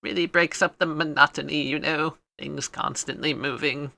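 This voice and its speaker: A woman's voice: sits low, steady tone, moderate pace, vocal fry, bright, forceful tone, dry recording, heavily acted. A woman voicing a carefree, eccentric man who loves fire, rambling playfully in a tabletop role-play. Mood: breezy.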